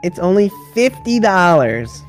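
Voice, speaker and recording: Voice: medium pitch, sing-song, measured pace, soft background music. Someone playing a stubborn twelve-year-old lemonade seller. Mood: sales pitch. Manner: stubborn, insists the price is fair. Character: cheeky twelve-year-old boy selling overpriced lemonade.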